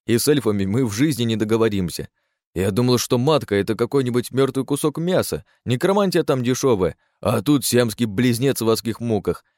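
A man's voice: mid-range voice, a little mellow, no echo, clean studio sound. A man giving sardonic, crude first-person audiobook narration.

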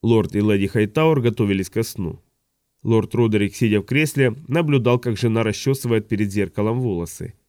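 A man reading an audiobook as narrator, in a calm and even delivery on a close mic. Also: on the low side, brisk, no room sound. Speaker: audiobook reader.

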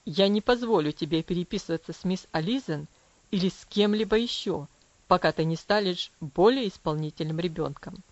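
A woman voicing a strict, cold father who speaks in a low, commanding, measured voice in an audiobook. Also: no room sound, muffled recording, lightly acted. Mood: stern, cold. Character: stern cold father, strict then tender.

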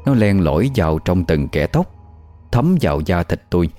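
A man with a low, mellow voice narrates a ghost story. He reads at a measured, steady pace, and faint music plays underneath. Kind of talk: scripted horror story narration.

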